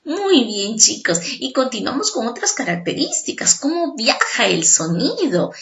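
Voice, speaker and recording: A woman teacher giving a lesson to children, expressive and checking often with her class. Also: fairly high pitch, a little slow, creaky. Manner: expressive, keeps asking the class to confirm.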